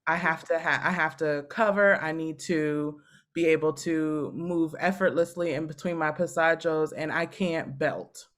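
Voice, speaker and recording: Low-voiced woman in her thirties, animated storyteller. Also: unhurried. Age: 30s. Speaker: guest opera singer. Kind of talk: casual podcast chat.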